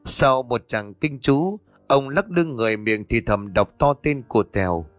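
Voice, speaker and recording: A man narrating a horror audiobook at a steady storytelling pace. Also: mid-range voice, measured pace, soft background music. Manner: steady storytelling, voices each character.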